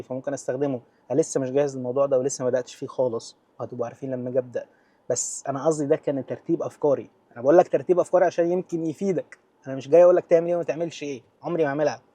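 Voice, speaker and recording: A young Egyptian man speaks very rapidly in natural, unscripted talk. His voice sits at a medium pitch, and he addresses the listener informally and directly, like a friend, dropping English terms into his Egyptian speech. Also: a little mellow, dry recording. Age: 20s. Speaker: vlogger giving business advice.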